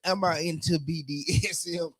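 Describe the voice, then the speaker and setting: A man co-hosting a podcast in loud, profane, casual banter, often laughing. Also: fairly high pitch, steady tone, normal speed, slight background noise. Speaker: podcast co-host.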